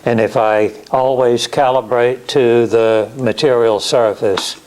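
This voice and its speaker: A man giving a practical technical lecture as an instructor, explaining step by step in a halting way. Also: medium pitch, fairly even intonation, darkish tone, a little hiss or hum, rough recording. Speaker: class instructor in CNC woodworking. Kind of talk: technical lecture with slides and software demo.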